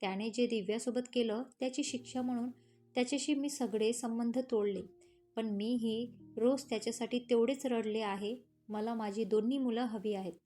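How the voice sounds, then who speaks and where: A woman's voice: a little high, steady tone, normal speed, dark tone, close to an everyday voice. A woman voicing a middle-aged mother who tearfully apologizes, in a storybook reading. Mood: repentant.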